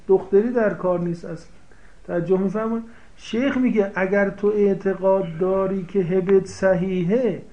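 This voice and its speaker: A man's voice: sits high, darkish tone. A man giving a seminary lecture on a classical legal text, often checking that his listeners follow and paraphrasing Arabic phrases. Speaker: seminary teacher. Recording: slightly dull, lo-fi sound.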